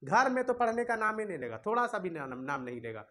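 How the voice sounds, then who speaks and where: A man's voice: high voice, very animated, quick pace, bright, forceful tone. Guy teaching class, chatty and scolding the kids. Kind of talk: classroom lesson. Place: classroom with students.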